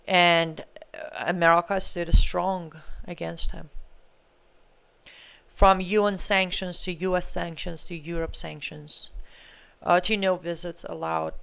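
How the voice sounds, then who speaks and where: A woman's voice: lowish voice, level tone, slow, vocal fry, fairly bright tone, smooth. A woman hosting a live political commentary stream, talking in an emphatic, argumentative way with sarcastic asides and reading out viewer comments. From Iran. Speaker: political commentary show host.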